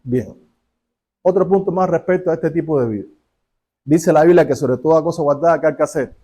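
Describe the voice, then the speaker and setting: A man's voice: fairly high pitch, fairly quick, warm tone, breathy edge. A male pastor preaching a sermon, telling stories and asking the congregation rhetorical questions.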